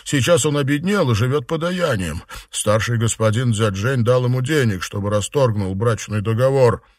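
A man's voice: medium pitch, moderate pace, no echo, clean studio sound, pitched above the performer's own voice, lightly acted. A man voicing a frightened young male servant who pleads and confesses to his mistress. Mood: fearful. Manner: pleading, servile.

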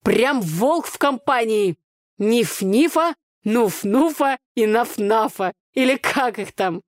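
A woman's voice: fairly high pitch, expressive, slow, dry recording, clean studio sound, voice pushed up. Woman reading as a snarky teasing brother. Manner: mocking, gloating.

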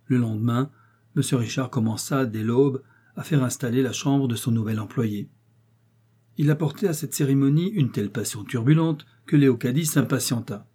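Brief: male storybook narrator, mellow and breathy, steady delivery. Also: mid-range voice, normal speed. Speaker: audiobook narrator.

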